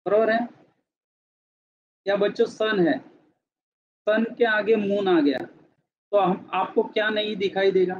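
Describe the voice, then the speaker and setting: A man's voice: high-pitched, steady tone, takes it slowly, long pauses, muffled recording. A male teacher giving a classroom lecture, switching between Hindi and English and often asking the students questions.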